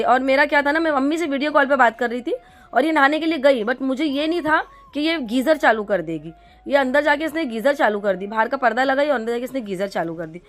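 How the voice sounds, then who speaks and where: A middle-aged woman from India telling a vlog story to her viewers, chatty and rambling with lots of fillers and restarts. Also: on the high side. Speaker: vlogger.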